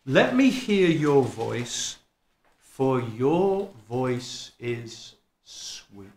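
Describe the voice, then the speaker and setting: At medium pitch and an extremely slow pace, a middle-aged man delivers a sermon in a small church hall, his East Midlands speech flavored with Welsh. Animated and self-deprecating, he talks conversationally and performs other people's lines, captured by a lectern stand mic and a camera across the room.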